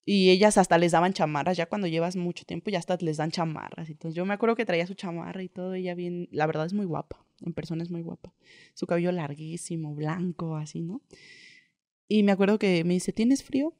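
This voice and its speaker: A woman's voice: lowish voice, fairly even intonation, fairly quick, a little mellow, dry recording. Young mexican woman rambling through a story, lots of slang, dead dry audio. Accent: Mexican Spanish. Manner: chatty, lots of slang and filler tags. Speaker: guest. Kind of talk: casual interview storytelling.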